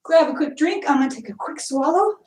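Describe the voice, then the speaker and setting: A woman's voice: sits high, lively intonation, a little fast, a little mellow, far from the mic. A woman instructor leading an online martial arts workout, cueing and counting moves, getting out of breath. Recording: echoey room, voice from afar.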